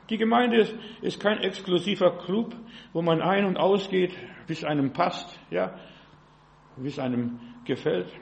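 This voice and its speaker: A man's voice: high voice, gravelly. An older man preaching as a pastor, emphatic and peppered with rhetorical questions to his listeners. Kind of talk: sermon.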